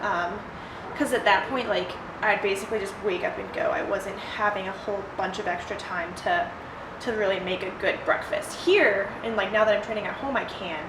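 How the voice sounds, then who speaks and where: A woman's voice: mid-range voice, moderate pace. A young adult woman chatting informally and bluntly as she answers viewer questions in a solo vlog. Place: ice bath, sheltered outdoors or open to rain. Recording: roomy echo with clear background noise.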